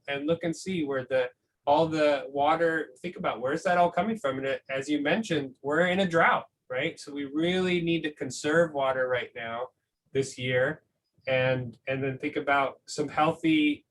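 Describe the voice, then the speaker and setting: Speaking to school families, a man with a fairly high, slightly bright voice reads a picture book and chats casually about it, encouraging and conversational, often asking "right?". Audio is poor, and background noise is noticeable.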